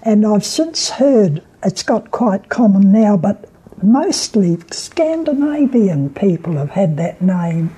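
An elderly woman with a New Zealand accent and a husky voice, reminiscing haltingly as she is interviewed at home. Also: medium pitch, very animated, warm tone, low-quality recording. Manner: halting, reminiscing, with repeated words and pauses. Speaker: oral history interviewee. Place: at home, indoors.

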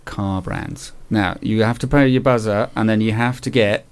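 A man's voice: fairly low pitch, steady tone, clear, resonant tone. A man hosting a radio quiz show, casually ruling on answers and teasing the contestants. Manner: playful, teasing, quick to rule on answers.

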